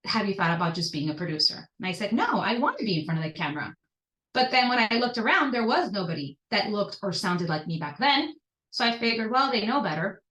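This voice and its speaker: A woman's voice: mid-range voice, big pitch swings, fairly quick, a bit bright, echoey room, distant mic, rough recording. A woman in her thirties from Venezuela with a Venezuelan Spanish accent, telling her personal story earnestly as a podcast guest. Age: 30s.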